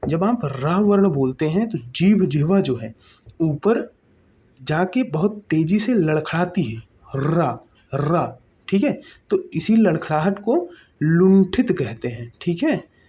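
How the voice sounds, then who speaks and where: Here an expressive, mellow voice of medium pitch moves at normal speed, with a breathy edge and dull audio. The speaker teaches grammar for an exam, working step by step, raising their own questions and answering them. They keep repeating terms and checking in with the listener.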